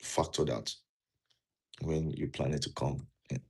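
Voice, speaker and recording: Steady and a little slow, a Nigerian man's rumbling low, breathy voice carries his immigration advice in a casual vlog. Dressed in a jacket indoors, he speaks with a Nigerian accent, earnestly repeats his main points, and asks viewers questions.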